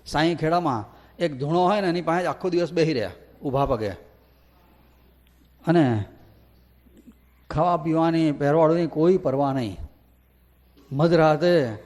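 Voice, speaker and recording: A man with a Gujarati accent giving a devotional discourse. He chants verses slowly and then tells saint stories, acting out the characters' lines. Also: on the high side, darkish tone. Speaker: religious storyteller.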